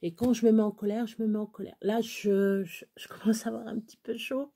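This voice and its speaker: A woman's voice: fairly high pitch, flat delivery, fairly quick, warm tone. A woman in her forties chatting to her viewers in a blunt, earthy way, swinging between laughter and tears. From France. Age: 40s. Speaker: crafting vlogger. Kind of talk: casual chat to camera.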